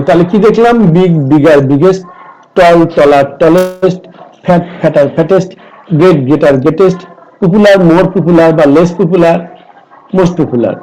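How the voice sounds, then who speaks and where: A middle-aged man with a Bengali accent, teaching an online grammar lesson and slowly repeating lists of words. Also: high voice, darkish tone, rough recording. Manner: slow, deliberate, repeats word lists. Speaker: English teacher.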